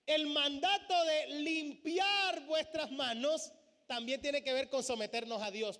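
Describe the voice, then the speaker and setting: In a church sanctuary, a male pastor preaches a sermon and puts questions to his congregation. His voice is very high and fairly bright, with the hall giving it a long reverb.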